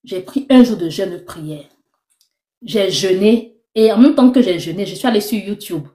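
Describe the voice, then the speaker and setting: Woman telling an animated testimony. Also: mid-range voice, normal speed. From Ivory Coast. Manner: animated storytelling, acting out dialogue. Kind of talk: personal faith testimony. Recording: roomy echo.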